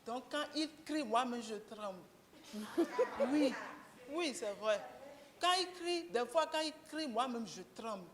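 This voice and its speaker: A woman, a guest speaker talking candidly and conversationally, with gentle humor, to a breakfast audience. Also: a little high, expressive, measured pace, in a large hall, a crowd in the background. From Benin. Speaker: guest speaker, mechanic and garage co-owner.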